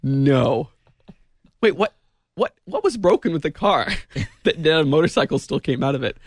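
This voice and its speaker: A man hosting a casual radio talk show, talking fast with quick interjections and frequent laughs. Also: on the high side, big pitch swings, breathy edge, no room sound, studio quality. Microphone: studio microphone.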